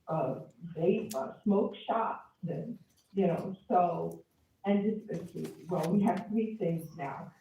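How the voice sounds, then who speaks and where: Hesitant female caller, slow, phone-quality sound played in an echoey room. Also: medium pitch, far from the mic, a little hiss or hum. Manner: hesitant, many ums. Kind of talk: public comment by remote call. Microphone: remote call.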